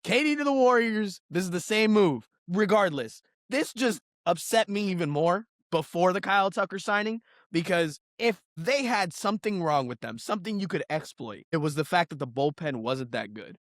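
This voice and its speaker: A man co-hosting a casual sports podcast, ranting in an animated, excitable way. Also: sits high, normal speed, hardly any pauses, dry recording, clean studio sound. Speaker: podcast co-host.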